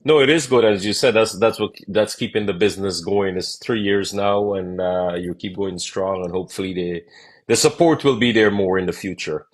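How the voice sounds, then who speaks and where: A man from Guyana hosting a relaxed business interview, often repeating words as he starts a sentence. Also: lowish voice, moderate pace. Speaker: host. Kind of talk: casual interview chat. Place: Toronto, Canada.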